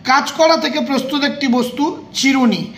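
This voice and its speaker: A man's voice: extremely high pitch, normal speed, roomy sound, a little hiss or hum. A man with a West Bengal Bengali accent who teaches a coaching class, running through an exam revision lesson and reading terms and their meanings one after another. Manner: reads out terms and meanings in a steady list.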